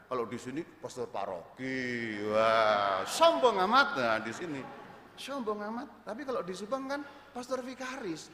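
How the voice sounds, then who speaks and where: Lively male priest in echoey church. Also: medium pitch, a little hiss or hum. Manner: lively storyteller, acts out surprise, loud bursts. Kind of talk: homily telling a personal story. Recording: echoey church with long reverb.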